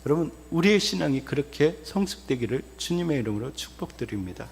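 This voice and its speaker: A man's voice: a little high, animated, fast, creaky, husky, in a large hall. A male pastor preaching a sermon, emphatic and repetitive, often asking the congregation rhetorical questions. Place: church sanctuary.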